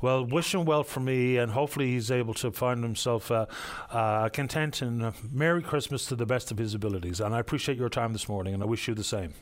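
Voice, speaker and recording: A man working as a smooth, courteous radio call-in host on a headset mic, his voice going hoarse. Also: medium pitch, fast. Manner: easygoing, polite, courteous to callers.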